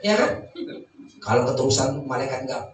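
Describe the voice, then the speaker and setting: A man's voice: mid-range voice, lively intonation, normal speed, a little hiss or hum. A man preaching a sermon as pastor, joking and teasing the congregation with acted-out asides. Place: church hall. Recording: echoey church hall, mic at a distance, faint background.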